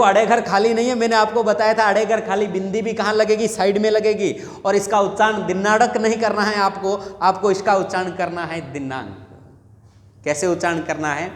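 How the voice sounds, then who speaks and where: A man's voice: high-pitched, brisk. A male teacher giving a lesson, drilling students with repeated questions and answers. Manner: repetitive call-and-response drilling. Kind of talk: classroom lesson. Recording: echoey long-reverb room.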